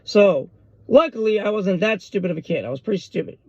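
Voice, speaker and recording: A man, rambling excitedly and jumping between topics as he hosts a casual solo podcast. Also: high voice, a little fast, slightly rough, dry recording. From US West Coast. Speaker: podcast host. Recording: dull lo-fi dry recording.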